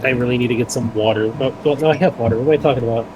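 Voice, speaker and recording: A man's voice: mid-range voice, very fast, highs cut off, over music. A man playing in a tabletop game, chatting casually and getting sidetracked. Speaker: player.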